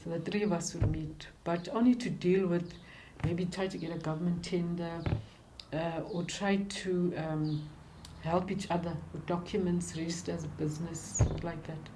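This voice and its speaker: An older South African woman recounts her life and work in an interview, speaking in a halting, reflective manner. Her voice is lowish and steady, with background noise present.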